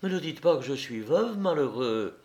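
A frightened young mother pleads in a hushed, gentle voice, as a male reader puts her on. She sounds higher than the reader's own voice and quiet. It comes from a slow, read-aloud storybook. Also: expressive, gravelly, dull audio. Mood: anxious pleading. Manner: soft, pleading, anxious.

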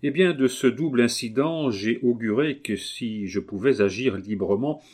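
A man reading a novel aloud, voicing an earnest, persuasive gentleman who speaks in a calm, measured way. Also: medium pitch, breathy edge, close to an everyday voice. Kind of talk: audiobook reading.

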